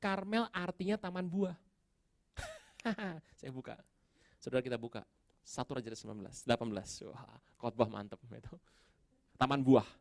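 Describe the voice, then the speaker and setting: A middle-aged pastor tells a story in his sermon and acts out every exchange, his voice leaping high for the dramatic moments. His pitch sits in an ordinary middle range. The sound is dry and close, with no room in it. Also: moderate pace, vocal fry, long pauses, dry recording. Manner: animated storytelling, acting out his own prayers and dialogue with big pitch jumps.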